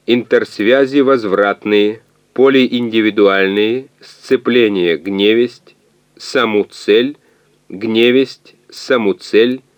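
A man reading an audiobook, voicing a translating calculator machine that speaks in slow, clipped, monotone word fragments. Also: fairly low pitch, dry recording, pitched above the performer's own voice. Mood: flat, halting.

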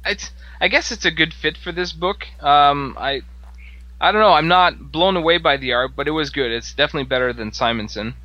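A man's voice: on the high side, fairly quick, pushed and bright, no echo, muffled recording. A man co-hosting a podcast, reviewing a comic in a hesitant way with many restarts. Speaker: podcast co-host. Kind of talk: casual comic book discussion.

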